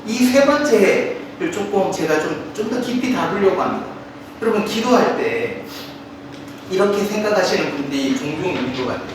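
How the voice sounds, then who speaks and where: A man's voice: sits high, animated, normal speed, noisy background. A male pastor giving a sermon in a friendly, conversational way, speaking straight to his congregation. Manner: conversational, addresses the congregation directly. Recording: echoey hall from a distant mic.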